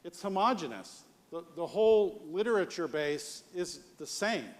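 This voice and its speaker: The high, sing-song voice of an American man carries at a moderate pace through a live conference talk on leadership. He keeps it conversational, posing rhetorical questions, while long reverb fills the hall.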